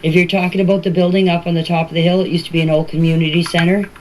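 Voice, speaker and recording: An older woman with a Canadian Maritime accent, a family member talking about a case, answers questions informally, often repeating and rephrasing herself. Her voice is on the low side, level in tone and racing. The clips are noisy amateur voice recordings with clicks.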